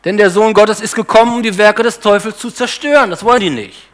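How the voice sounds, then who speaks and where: A man preaching a sermon. He speaks emphatically, uses rhetorical questions and tags many sentences with a quick "ne?". He swings between raised, stressed phrases and quieter asides. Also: sits high.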